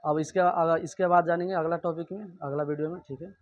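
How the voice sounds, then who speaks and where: A man's voice: a little high, fairly even intonation, fast, no room sound, muffled recording. A young man teaching a grammar lesson, asking the class questions and answering them himself, repeating each point.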